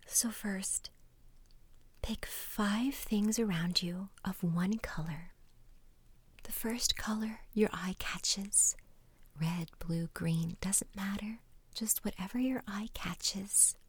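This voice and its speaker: A woman guiding a relaxation exercise in a soft, soothing ASMR whisper, breathy and gentle, close to the microphone. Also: medium pitch, no room sound. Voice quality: breathy, unvoiced. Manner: slow, unhurried instructing with pauses.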